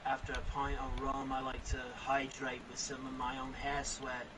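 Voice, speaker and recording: A man voicing a boastful, grimy male pirate captain in a low, gruff mock drawl that ends lines with 'mate'. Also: completely flat delivery, moderate pace, distant mic, background noise, close to an everyday voice. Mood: leering.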